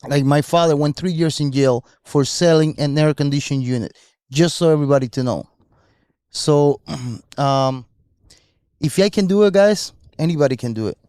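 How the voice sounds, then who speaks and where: A man's voice: on the high side, normal speed, warm tone, smooth, no echo, clean studio sound. A man who co-hosts a podcast and talks earnestly and motivationally about his life, at times searching for words. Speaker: podcast co-host. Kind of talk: casual podcast chat.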